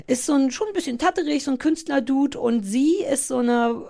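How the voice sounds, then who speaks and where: Woman podcast cohost gossiping about a show, high voice with a lot of fry, keeps acting out quotes. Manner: lively storyteller, quick to act out quotes; conversational, with fillers and self-corrections. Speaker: podcast co-host. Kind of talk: casual chat about TV.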